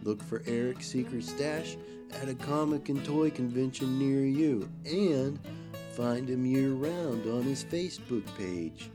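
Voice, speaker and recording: A man doing Sloppy Joe, a slow laid-back pitchman. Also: close to an everyday voice. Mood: hustling. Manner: laid-back, slangy huckster. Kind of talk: radio-style ad read. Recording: ad read over guitar music. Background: guitar music.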